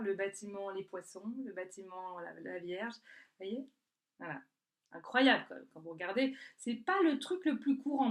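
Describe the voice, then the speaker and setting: A woman speaks casually to her viewers in a loose, chatty way. She stops and restarts often, filling gaps with short sounds while she hunts for the right word. Her voice sits at an ordinary middle pitch. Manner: chatty, searching for words with many fillers and restarts. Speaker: energy healer. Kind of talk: casual talk to camera. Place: works in a southern French spa town.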